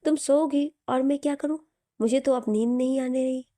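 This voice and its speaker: A playful young husband, coaxing and teasing his sleepy wife, as a woman storyteller puts him on. The voice sits fairly high and sounds mellow and warm. The recording is close and dry. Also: steady tone, normal speed, dry recording, natural voice. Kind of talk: audio story reading.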